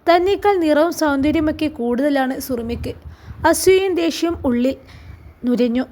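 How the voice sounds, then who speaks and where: High-voiced woman narrating a story. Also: moderate pace. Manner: dramatic, expressive reading.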